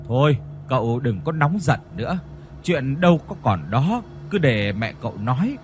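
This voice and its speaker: A man voicing a calm, wise village healer in a ghost story. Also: medium pitch, moderate pace, slight background noise, close to an everyday voice.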